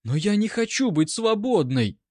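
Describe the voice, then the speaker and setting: A man's voice: high voice, animated, a little slow, no room sound, clean studio sound, voice pushed up. A man voicing a melodramatic young woman, a bride who pleads and protests with overacted, tearful exclamations. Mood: panicked protest.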